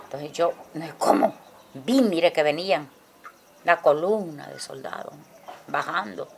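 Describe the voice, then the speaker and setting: An older woman giving testimony in a halting way, often checking in with her listener. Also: low voice, gravelly, slight background noise. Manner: halting, tagging lines with "¿verdad?". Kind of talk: spoken testimony in a documentary. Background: music.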